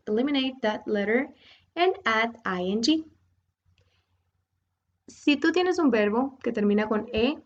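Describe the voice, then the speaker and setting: A woman's voice: a little high, dull audio. A woman whose first language is Spanish, teaching an English grammar lesson as a virtual tutor and explaining the rules step by step in both languages.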